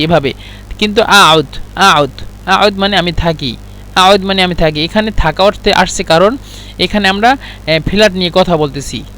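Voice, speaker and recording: A man with a fairly high voice gives a relaxed vocabulary lesson. He says each word, repeats it and explains its meaning patiently, one term at a time. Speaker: Arabic language teacher. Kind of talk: casual spoken vocabulary lesson.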